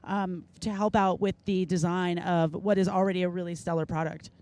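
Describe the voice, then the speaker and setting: A woman's voice: level tone, moderate pace, warm tone. A woman hosting a live show, chatting casually and enthusiastically with guests at an outdoor rally event. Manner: chatty, enthusiastic, acts out quotes with big pitch jumps. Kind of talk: casual on-site interview.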